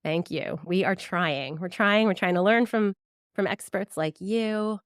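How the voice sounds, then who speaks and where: A woman's voice: medium pitch, a little slow, clear, resonant tone, no room sound, studio quality. A woman hosting a podcast, reading her intro and chatting with an upbeat, enthusiastic manner. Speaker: podcast host. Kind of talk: scripted intro and casual interview.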